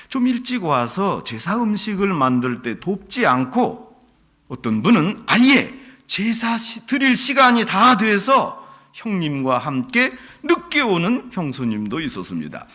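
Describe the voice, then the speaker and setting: Man preaching, bright tone, very expressive pitch, storytelling style. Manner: animated storytelling, acts out quotes. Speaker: pastor. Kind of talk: sermon.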